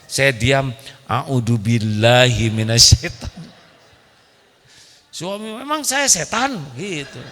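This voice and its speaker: Slow, lively preacher in a reverberant hall. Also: male voice, mid-range voice. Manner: playful, acts out quarrelling couples in raised voices. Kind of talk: sermon.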